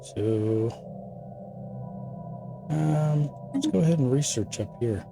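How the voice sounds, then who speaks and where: A man in his fifties talks his way through a strategy game in a relaxed, mid-pitched voice. He chats easily, pokes fun at himself, and shifts into slow, careful reading whenever game text comes up. Game music plays clearly underneath him. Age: 50s. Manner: chatty and self-deprecating, slows down to read game text aloud. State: sleepy, yawning. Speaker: gaming channel host. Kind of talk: casual gameplay commentary.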